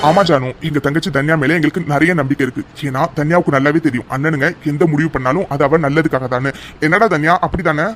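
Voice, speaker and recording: A man's voice: a little high, fairly even intonation, quick pace, a bit bright, soft background music, natural voice. A man voicing a confident older brother in a cartoon drama, reassuring but firm. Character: confident older brother arranging his sister's marriage. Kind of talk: dubbed cartoon family drama.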